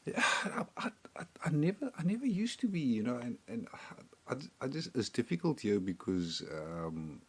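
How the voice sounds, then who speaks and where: Over a remote call, a South African man, a podcast guest and co-host, chats casually and rambles, often repeating words. His medium-pitched, sing-song voice is breathy-edged, at normal speed with hardly any pauses.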